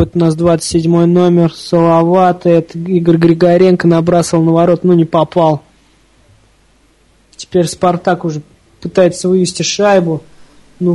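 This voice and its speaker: High-voiced man calling hockey, partisan and informal. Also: mellow, no room sound, rough recording. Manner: openly partisan fan, chatty and colloquial. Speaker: hockey commentator. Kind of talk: informal live hockey play-by-play commentary.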